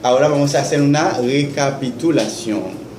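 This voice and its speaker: A man teaching in a classroom, slowly repeating words for students to echo. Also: mid-range voice. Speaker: Haitian Creole teacher. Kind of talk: classroom lesson. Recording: echoey classroom with faint noise.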